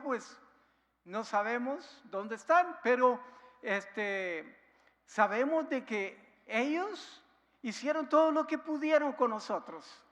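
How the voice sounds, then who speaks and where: A man preaching a sermon as pastor, emphatic, with rhetorical questions to the congregation and loudness that rises and drops. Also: sits high, long reverb tail. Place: church sanctuary.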